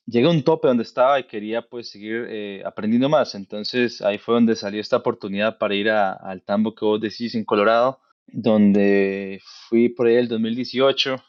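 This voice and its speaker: A man in his thirties from Costa Rica, a veterinarian guest, explaining his work in a relaxed, thoughtful, conversational way. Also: mid-range voice, dry recording, highs cut off. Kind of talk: casual conversational interview.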